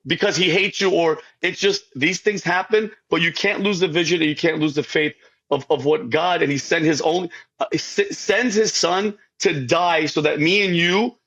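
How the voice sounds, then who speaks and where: A man's voice: a little high, normal speed, a bit bright, dull audio. A man giving an emotional faith testimony as a podcast guest, rambling and repeating himself, often calling the host by name.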